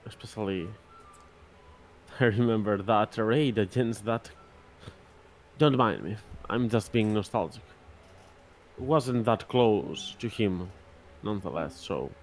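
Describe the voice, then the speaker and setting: A gruff, grumbling sea captain in a tabletop game, as a man puts her on. The voice is brusque and exasperated, in a middle register. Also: mid-range voice, lively intonation, a little slow, a little hiss or hum, close to an everyday voice. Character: blunt, grumbling ship captain Ada.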